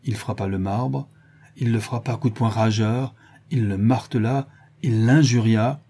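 A man narrating a classic adventure novel in a measured, dramatic way. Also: fairly low pitch, fairly even intonation, mellow, breathy edge. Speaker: audiobook narrator. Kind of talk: scripted narration.

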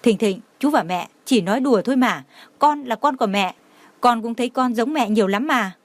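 A woman reading as a gentle remorseful man. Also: fairly high pitch, animated, fairly quick, no room sound, natural voice. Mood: soothing. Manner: soft, soothing.

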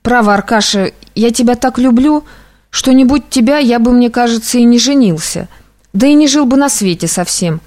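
A woman reading aloud, voicing an emotional young male clerk who pleads and rushes his words. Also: a little high, darkish tone, close to an everyday voice. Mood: excited.

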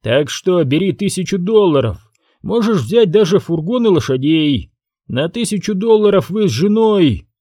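A man's voice: high-pitched, sing-song, normal speed, mellow, no room sound, clean studio sound, pitched above the performer's own voice. A man reading an audiobook, voicing a ruthless, domineering rancher boss who speaks in brusque commands.

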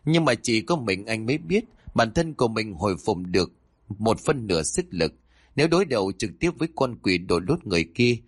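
Lively low-voiced male storyteller. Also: no room sound, clean studio sound. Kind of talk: ghost story narration.

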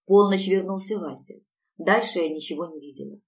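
A woman's voice: fairly low pitch, a little fast, lightly acted. A woman reading as a timid, hesitant neighbour. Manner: hesitant, quiet. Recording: distant mic.

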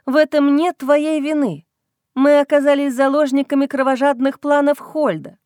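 An earnest young heroine speaks in a fairly high voice, as the woman reading the book plays her. She sounds wry and heartfelt, and the sound is close and dry. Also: little pitch movement, moderate pace, darkish tone, no echo, close to an everyday voice. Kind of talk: audiobook reading.

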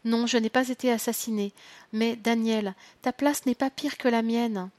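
A woman's voice: fairly high pitch, fairly even intonation, normal speed, darkish tone, no room sound, close to an everyday voice. A woman voicing a serene young brother who has died, explaining things steadily and patiently in a storybook reading. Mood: calm.

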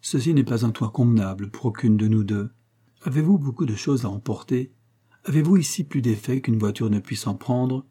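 A man voicing a dignified, witty old aunt who speaks calmly and affectionately in a storybook reading. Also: medium pitch, moderate pace, husky, natural voice. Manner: calm, affectionate, dryly witty.

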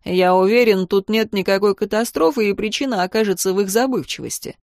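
A cocky, self-assured young man, voiced by a woman reading an audiobook drawls his words in a smug, teasing way. The voice sits at a middling pitch. The recording is dry and close, with no room sound. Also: a little fast, a little mellow, no room sound, lightly acted. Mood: advising. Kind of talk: audiobook narration.

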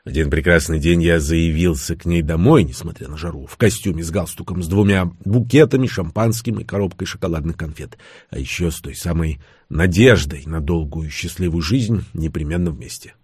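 Husky male audiobook narrator. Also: deep voice, brisk, a little mellow, no room sound, studio quality. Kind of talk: first-person audiobook narration.

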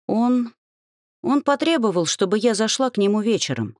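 A woman's voice: on the high side, very animated, normal speed, a little mellow, dry recording, studio quality, pitched above the performer's own voice. Woman reading as a sulky young heroine, wry, grumbling, slightly raised voice.

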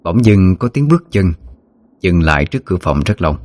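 A man narrating a ghost story in a steady, measured way. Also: low-pitched, no echo. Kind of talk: scripted horror story narration.

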